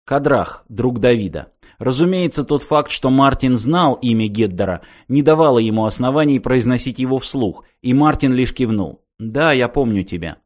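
Man, audiobook narrator, even, measured, mid pitch.

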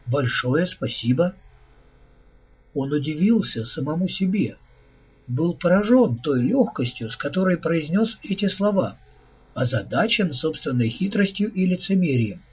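Husky guy reading an audiobook, a bit high-voiced, steady pace. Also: normal speed. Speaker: narrator. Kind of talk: audiobook narration.

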